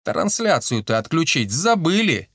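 A man narrating an audiobook in an expressive, lively way. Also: on the high side, measured pace, dry recording, clean studio sound.

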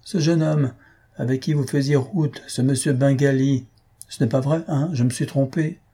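A man reading aloud and voicing a grumpy, irritable older husband who blusters and shouts sarcastically. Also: medium pitch, steady tone, moderate pace, husky, pitched above the performer's own voice. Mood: grumbling.

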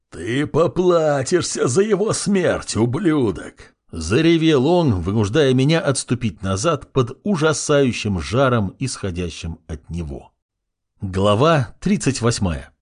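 A man narrating a first-person adventure audiobook in a wry, expressive storytelling manner. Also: mid-range voice, husky.

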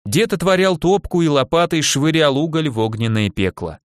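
A man narrating an audiobook in a measured, expressive storytelling manner. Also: fairly high pitch, no room sound, clean studio sound. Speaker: audiobook reader. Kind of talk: scripted narration.

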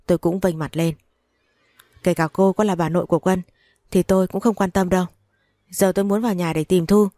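A woman's voice: lowish voice, dark tone, dry recording. A woman narrating a dramatic first-person story.

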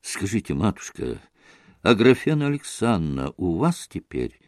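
A man's voice: low voice, very animated, normal speed, a little mellow, dry recording, clean studio sound, pitched below the performer's own voice. A man voicing a desperate, hot-tempered young man in an audiobook, urgent and frantic.

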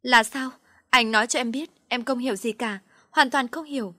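A woman's voice: mid-range voice, flat delivery, moderate pace, a bit bright, dry recording, studio quality, lightly acted. A woman doing a frightened young mother. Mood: desperate. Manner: pleading, anxious.

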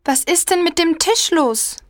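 A woman's voice: very high voice, animated, a little slow, no echo, studio quality. A woman voicing a young girl in a storybook reading, speaking in an anxious, wondering way. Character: young girl Clara, small and scared.

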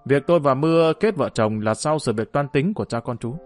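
A man voicing a calm, steady middle-aged husband in an audiobook. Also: medium pitch, brisk, faint music behind, close to an everyday voice. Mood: earnest.

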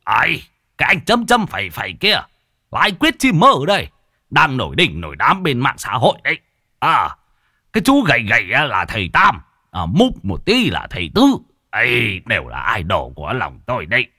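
A man's voice: mid-range voice, wildly swooping pitch, moderate pace, sharp tone, breathy edge, no room sound, clean studio sound, full character voice. A man voicing a cheerful older village elder who talks effusively and chuckles. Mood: jovial.

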